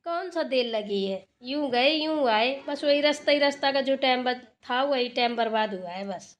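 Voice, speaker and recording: A woman's voice: high-pitched, expressive, moderate pace. A woman voicing a rambling village mother-in-law. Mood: defensive. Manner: explaining herself, rambling. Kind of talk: cartoon voice acting.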